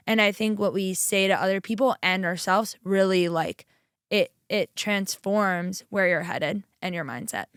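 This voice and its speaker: A woman's voice: medium pitch, a little slow, fairly bright tone, clear, resonant tone, no room sound, clean studio sound. A young woman chatting casually as a podcast guest, upbeat and full of fillers. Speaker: chiropractor and guest.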